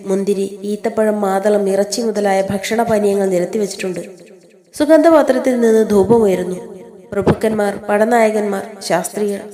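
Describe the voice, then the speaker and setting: A woman reads a stage play aloud, stage directions included, in a measured way. Her voice is mellow and warm, and the room gives it a roomy echo. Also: mid-range voice. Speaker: reader. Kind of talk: reading a play script aloud. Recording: echoey room.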